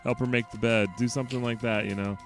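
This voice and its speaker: A man's voice: mid-range voice, fairly even intonation, fast talker, faint music behind. A man casually hosting a podcast, loose and rambling, laughing often. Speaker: podcast host. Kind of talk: casual chat.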